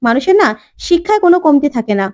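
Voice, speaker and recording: A woman voicing a calm, dignified young bride who speaks in a measured, pointed way. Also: sits high.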